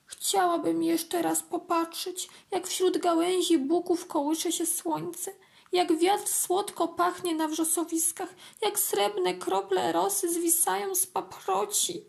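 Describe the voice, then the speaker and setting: A woman voicing a tiny, frightened female ant that pleads in a high, wistful voice. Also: level tone, slow, creaky, heavily acted.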